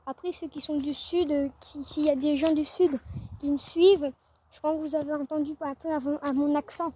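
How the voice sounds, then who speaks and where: A teenage girl talks to her phone in a casual, rambling way, often trailing off and restarting her sentences. Her voice sits high. She records outdoors beside her chicken coop, with faint noise behind her. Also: steady tone, normal speed, dark tone. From northern France. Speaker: vlogger. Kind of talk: casual vlog.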